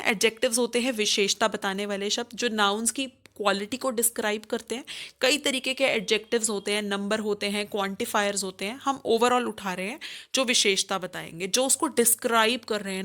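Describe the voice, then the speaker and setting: A woman's voice: on the high side, fairly bright tone. A young Indian woman teaching grammar, explaining step by step and answering her own questions. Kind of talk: grammar lesson mixing Hindi and English.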